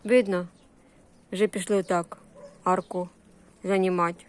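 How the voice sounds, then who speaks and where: A woman with a lowish voice speaks in a flat, measured way while walking through a vegetable garden and greenhouse. The tour is casual and unscripted, in short, homely phrases rich in diminutives. She has a Ukrainian accent with Russian-influenced surzhyk words.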